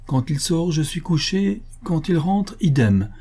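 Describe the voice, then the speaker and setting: A man's voice: a little high, sing-song, measured pace, mellow, breathy edge, voice pushed up, full character voice. A man doing a chatty, fawning concierge. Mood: emphatic. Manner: chatty, emphatic, deferential. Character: talkative old-fashioned male concierge, eager to please.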